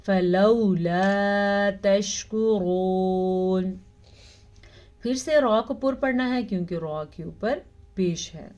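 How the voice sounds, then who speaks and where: Woman teaching recitation, slow and deliberate. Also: mid-range voice, a little mellow, dull audio. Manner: slow drawn-out recitation between explanations. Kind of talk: tajweed lesson with slow recitation.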